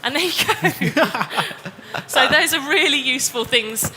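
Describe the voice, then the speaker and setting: A high-pitched, fast-talking woman gives a live DIY demonstration on an exhibition hall stage, chatting her way through each step. She wears a headset or lapel mic, and the hall echoes with faint noise behind her.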